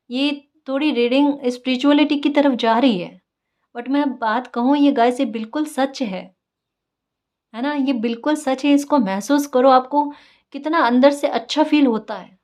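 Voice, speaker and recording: Coaxing woman with a slightly high voice. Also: a little mellow. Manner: coaxing, keeps asking "right?" of the listener; encouraging, repeats key phrases. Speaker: tarot reader. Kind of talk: casual spiritual guidance talk.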